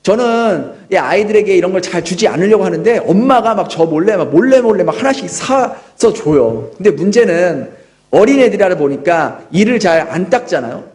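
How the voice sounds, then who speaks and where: A pastor in his thirties delivers a sermon in a church. His voice sits very high for a man. He talks earnestly, like a storyteller, and keeps turning to his listeners with rhetorical questions. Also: animated, normal speed, a little mellow. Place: church sanctuary.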